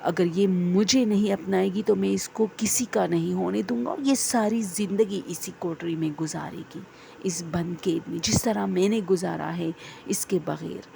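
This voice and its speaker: A woman's voice: medium pitch, gravelly, dark tone, slight background noise. A woman voicing an obsessive, possessive young male jinn in a horror story, speaking intensely and threateningly.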